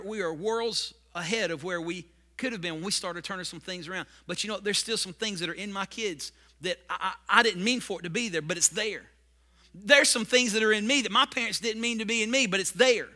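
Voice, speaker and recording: A man preaching a sermon as pastor, with repetitive points that build to loud emphasis. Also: high-pitched.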